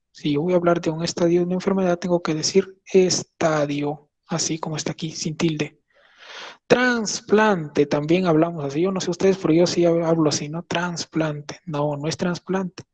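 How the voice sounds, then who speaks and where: Husky young man giving a lesson. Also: fairly high pitch, a little mellow. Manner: explains patiently, checks in with listeners often. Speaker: medical intern presenting. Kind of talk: conversational lecture.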